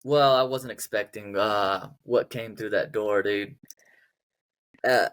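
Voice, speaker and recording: A man's voice: on the low side, fairly even intonation, slow pace, fairly bright tone. A young man co-hosting a casual podcast, telling a story in a laid-back, slangy way. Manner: laid-back, slangy, says dude a lot. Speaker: podcast co-host.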